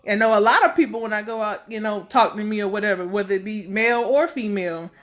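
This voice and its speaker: A woman's voice: mid-range voice, quick pace, a bit bright. A woman in her thirties talking casually to camera as a vlogger, rambling and outspoken, filling her talk with fillers. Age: 30s. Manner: blunt and outspoken.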